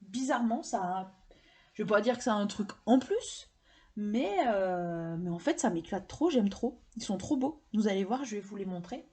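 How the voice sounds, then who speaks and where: Chatty woman, warm husky voice. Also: mid-range voice, lively intonation, normal speed. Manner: chatty and enthusiastic, with many fillers and restarts. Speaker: tarot and oracle deck collector showing her decks. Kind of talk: casual chat to camera.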